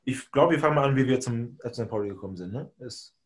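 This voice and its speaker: A native Hungarian speaker from Hungary, co-hosting a podcast, tells a long personal story in casual chat, rambling and correcting himself as he goes. His mid-range voice is expressive, and he talks fast.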